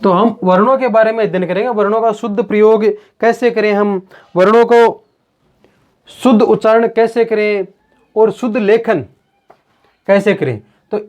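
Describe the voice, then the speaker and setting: A man's voice: high voice, darkish tone. A man teaching a grammar lesson in a classroom-style lecture, explaining step by step and answering his own rhetorical questions. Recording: dull lo-fi sound.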